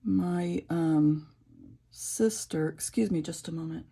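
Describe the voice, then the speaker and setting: A middle-aged woman who runs a coloring channel talks slowly as she colors, her low, raspy voice carrying a gravelly edge and a dark, mellow tone. She rambles casually, full of fillers and restarts.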